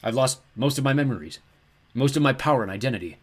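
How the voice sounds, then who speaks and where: A man lightly acts out a lonely, ancient ram-headed giant guarding a gate in a storybook tale. His booming voice carries a bleating edge, talking fast and expressively, threatening with mild courtesy while sounding forlorn and heavy with melancholy.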